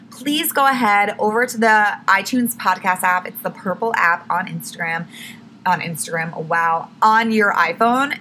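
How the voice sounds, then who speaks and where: On her own tips podcast, a young host speaks in a mid-range voice that's bright and clear, though a bit hoarse at times. She's chatty and self-correcting, leaning on "like" and "literally," and a faint room hum sits underneath.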